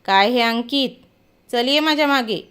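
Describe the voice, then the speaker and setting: Woman reading as a bossy auntie giving orders, scolding tone, kinda high voice. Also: unhurried, natural voice. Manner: scolding, commanding. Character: middle-aged woman neighbour, stern then playful. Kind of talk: storytelling.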